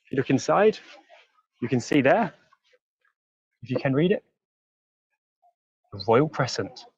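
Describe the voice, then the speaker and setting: An English man teaches while he walks outdoors through busy streets, sharing a live stream and reading out viewer comments. His voice sits at a middle pitch and stays friendly as he slowly explains words. The stream sounds a little muffled and lo-fi. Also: lively intonation, slightly rough, no echo. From England. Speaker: English teacher giving a live walking tour. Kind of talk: live-streamed walking tour lesson.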